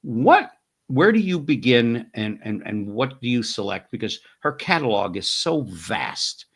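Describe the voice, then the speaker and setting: A man's voice: mid-range voice, sing-song, measured pace, vocal fry, husky. A man hosting a podcast interview, asking long, rambling questions with many restarts. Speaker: podcast host. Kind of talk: casual interview chat.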